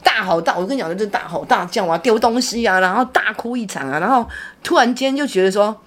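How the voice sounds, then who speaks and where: A middle-aged woman, telling a personal story in casual chat. She talks in an animated way, with many restarts and repeated words. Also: mid-range voice, quick pace. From Taiwan. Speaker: podcast co-host, mother.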